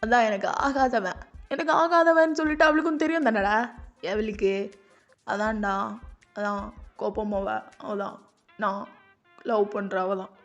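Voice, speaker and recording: A woman's voice: medium pitch, unhurried, long pauses, close to an everyday voice. A woman voicing a heartbroken young man who sulks and pities himself over drinks with friends, in slangy talk. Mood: sulky. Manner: self-pitying, slangy, sulking. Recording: dull lo-fi audio with music.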